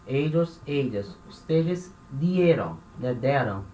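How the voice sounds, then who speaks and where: A man's voice: mid-range voice, lively intonation, takes it slowly, mellow. A man from Brazil teaching a Spanish grammar lesson, patient and repetitive, checking in with the listener after nearly every phrase. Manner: patient, repeats points, tags phrases with "né?" and "tá?". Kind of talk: explanatory language lesson. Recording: echoey room with faint ambient noise.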